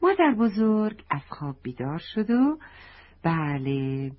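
A woman's voice: sits low, big pitch swings. A woman telling a story to children, affectionately addressing them directly as she reads, on a dull lo-fi recording.

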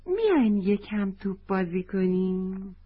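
Woman reading as a curious little girl, eager and bouncy in pitch, breathy tone, dull lo-fi sound. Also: big pitch swings.

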